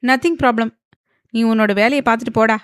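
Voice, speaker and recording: A woman's voice: on the high side, normal speed, no echo, clean studio sound, voice pushed up, natural voice. A woman voicing a sassy, playful young wife in an audio novel, cheeky and sarcastic.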